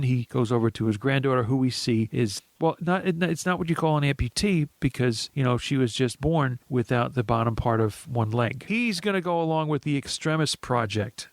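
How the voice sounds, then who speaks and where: A man's voice: medium pitch, creaky, no room sound. A man co-hosting a podcast, rambling through a casual movie recap with frequent laughs and restarts. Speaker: podcast co-host.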